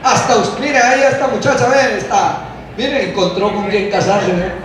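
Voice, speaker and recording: High-voiced preacher echoing from afar. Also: male voice, moderate pace, crowd noise. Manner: playful, mimics excuses of young people in an exaggerated tone. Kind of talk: lively sermon to a congregation. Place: church hall. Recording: very echoey hall, voice from far off, faint noise.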